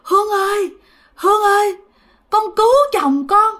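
Woman putting on a raspy, wailing old ghost. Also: very high voice, a little slow, sharp tone, pitched above the performer's own voice, exaggerated voice. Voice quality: raspy, hoarse. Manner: pleading, wailing, repetitive. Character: tormented old grandfather ghost speaking through a medium.

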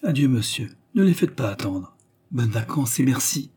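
A man reading an audiobook, voicing a lively young woman with a raised, bright tone. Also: medium pitch, moderate pace, breathy edge. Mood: hushed. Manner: bright, lifted tone.

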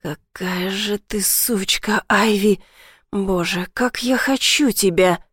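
A woman voicing a possessive, domineering young man who speaks in a low growl. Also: fairly even intonation, measured pace, dry recording, studio quality, natural voice. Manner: low growling, hissing delivery.

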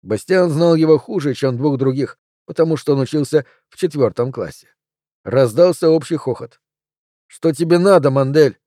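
Mellow male audiobook narrator. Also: medium pitch, normal speed, no room sound, clean studio sound. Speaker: audiobook reader. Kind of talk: scripted narration.

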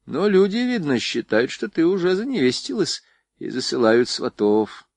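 A man reading an audiobook, voicing a middle-aged mother who speaks gently but reproachfully. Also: a little high, sing-song, normal speed, vocal fry, dry recording, voice pushed up, full character voice. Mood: gentle, stern. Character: middle-aged mother, proper and mildly stern.

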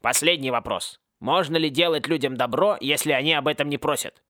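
A cackling, sarcastic ancient sorting hat that bullies nervous students, as a man reading an audiobook puts it on. The voice sits a little high and mocks everyone. The recording is close and dry. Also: a little fast, bright, forceful tone, dry recording. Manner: cackling, mocking, bossy.

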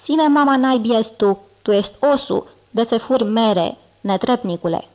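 A woman's voice: fairly high pitch, darkish tone, lightly acted. A woman voicing a boastful young male fairy-tale hero who blusters in a lisping, folksy way, in an audiobook reading. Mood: angry.

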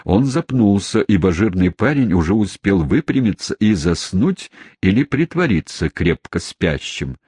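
A man narrating a storybook with a deep, husky voice and lively, sweeping intonation. The recording is dry and close. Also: measured pace, no room sound. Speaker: audiobook reader. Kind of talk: scripted narration.

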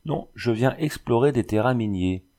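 A man reading the part of a calm, patient young French engineer in an audiobook. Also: mid-range voice, normal speed, voice pushed up, natural voice.

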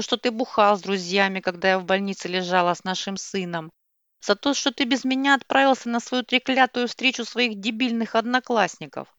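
A woman's voice: mid-range voice, fairly bright tone, no echo, natural voice. A woman voicing a furious young mother who hurls insults at her husband, in a dull, dry lo-fi recording. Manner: screaming insults.

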